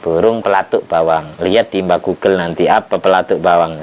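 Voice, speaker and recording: A man's voice: sits low, fairly even intonation, brisk, a little mellow. Resonant, folksy male preacher. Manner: folksy, teasing, repeats phrases for emphasis. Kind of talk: sermon, explaining Quran commentary.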